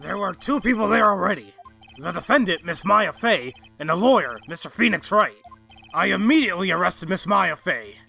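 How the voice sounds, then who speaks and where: A man acts out an eager, bumbling police detective with a bright, forceful, gravelly voice that sits high. He blusters deferentially to his superiors, as in a courtroom video game. Music plays behind him. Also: lively intonation, normal speed, full character voice. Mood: earnest testimony. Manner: deferential, blustering, ending sentences with "sir". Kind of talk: game fandub character acting.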